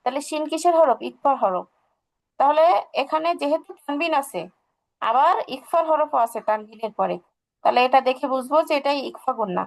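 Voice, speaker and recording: High, gravelly female tajweed teacher. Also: lively intonation, brisk, low-quality recording. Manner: patient, asks questions and answers them herself. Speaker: Quran recitation teacher. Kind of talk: online tajweed lesson.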